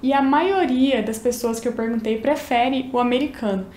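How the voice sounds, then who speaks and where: A young woman from Minas Gerais, Brazil, with a Minas Gerais Brazilian Portuguese accent, casually teaches English pronunciation, chatting, explaining and demonstrating sounds. Her voice is high with a darkish tone at a moderate pace, recorded in an echoey room.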